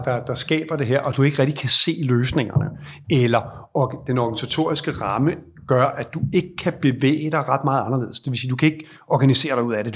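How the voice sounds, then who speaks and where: In a mid-range voice with a breathy edge, this man from Denmark talks through his leadership advice in an interview. He is reflective and conversational, explaining at length and frequently starting over.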